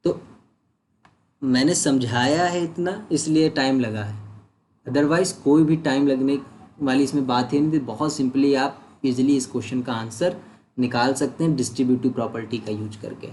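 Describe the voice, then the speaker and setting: A man's voice: medium pitch, normal speed, darkish tone, a little hiss or hum. A man teaching a maths lesson online, working through sums step by step, asking questions and answering them himself, mixing English words into his talk. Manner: mixes English words into Hindi. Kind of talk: online doubt-solving lesson.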